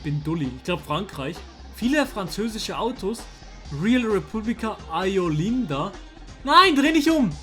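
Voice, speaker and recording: A young man, talking casually to his chat while playing a guessing game, excitable and slangy. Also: sits high, measured pace. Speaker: streamer. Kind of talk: casual gameplay commentary. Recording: faint music underneath.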